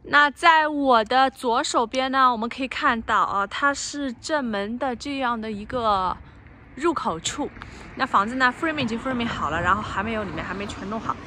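A woman real estate agent gives a casual walkthrough tour of a house under construction, filmed on a handheld phone camera, chatting and mixing English terms into her talk. Her voice is fairly high at a normal speed, sometimes dropping to a soft near-whisper, with a little hiss or hum.

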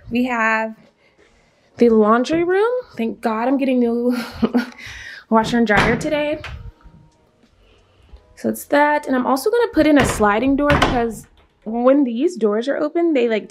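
A vlogger in her twenties with a fairly high, slightly mellow voice gives an upbeat, chatty tour of her empty new house, speaking casually to viewers and a little out of breath.

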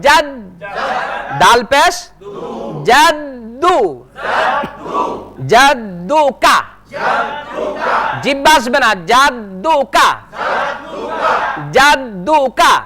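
A male Quran teacher leading a televised lesson, spelling out Arabic syllables and chanting them slowly for students to repeat. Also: very high voice, expressive, crowd noise. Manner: slow drawn-out chanting of syllables, brisk instructions in between.

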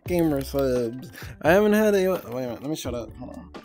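Streaming from home with a VR avatar on screen, a young woman chats casually over soft background music, rambling, giggling, and swearing freely. Her voice is extremely low, with lively intonation and a slightly fast pace.

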